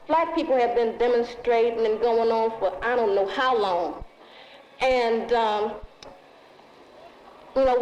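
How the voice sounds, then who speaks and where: A woman's voice: on the high side, a little mellow, a little hiss or hum. Defiant woman, angry and blunt. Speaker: activist. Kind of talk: impassioned speech. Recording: roomy lo-fi 1960s film sound.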